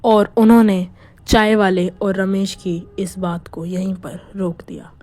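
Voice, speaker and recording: A woman narrating a scripted horror story in a hushed, suspenseful manner. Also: medium pitch, little pitch movement, measured pace.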